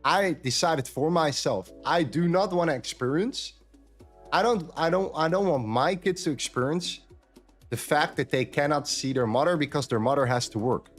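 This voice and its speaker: A man's voice: fairly high pitch, moderate pace, faint music behind. Man chatting on a live stream. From Netherlands. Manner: candid, repeats phrases for emphasis. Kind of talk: casual chat on a live stream.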